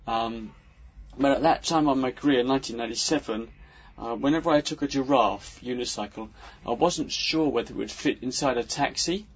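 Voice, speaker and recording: A man's voice: medium pitch, brisk, husky, lo-fi sound. A man and podcast host telling a casual, rambling story full of ums and restarts. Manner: rambling, hesitant, lots of ums. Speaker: podcast host and unicycle performer. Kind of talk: casual anecdote.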